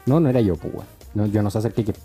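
A man's voice: fairly low pitch, racing, dark tone, soft background music. A young man with a Chilean accent telling stories in a casual podcast chat. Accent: Chilean Spanish. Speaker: podcast co-host.

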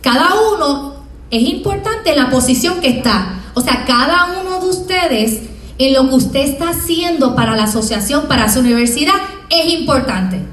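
High-voiced Puerto Rican woman lecturing. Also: moderate pace. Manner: lively, acts out scenes in small voices. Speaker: university professor. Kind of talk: motivational talk to students. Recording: echoey room, from far off.

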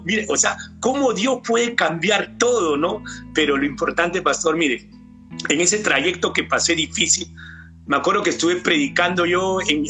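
Earnest Peruvian man with a bright voice. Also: high voice. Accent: Peruvian Spanish. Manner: earnest, keeps addressing the pastor. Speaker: church cell leader giving testimony. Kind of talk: personal faith testimony. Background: soft guitar music.

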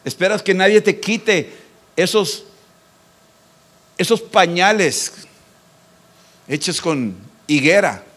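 A male pastor preaching a sermon, swinging between loud emphatic declarations and soft, hushed reassurances. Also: high-pitched, expressive, slow pace, pauses often.

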